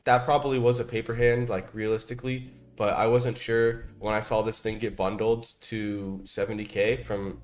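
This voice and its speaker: A young man talking like a frat bro in casual livestream commentary, full of slang, swearing and hyped-up phrasing. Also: fairly low pitch. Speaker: live-streaming crypto trader.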